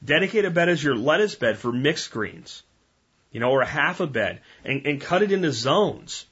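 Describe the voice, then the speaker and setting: A man's voice: a little high, animated, normal speed, fairly bright tone, breathy edge, dull audio. A man hosting a podcast, talking in a folksy, rambling way and addressing listeners as guys. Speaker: podcast host. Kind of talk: casual podcast monologue.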